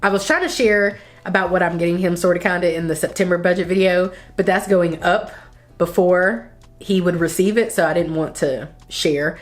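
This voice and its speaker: A vlogger in her thirties chats casually to the camera, sounding stuffy and congested as she rambles, sighing and coughing. Her voice is on the low side at a moderate pace, with soft music in the background.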